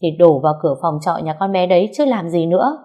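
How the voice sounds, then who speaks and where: A brash young woman friend, voiced by a woman reader, who scolds and teases without holding back. Her speech sits a little low, with a dark, mellow tone, and comes across like a bossy storybook sidekick. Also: lively intonation, fast talker. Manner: scolding, blunt, teasing.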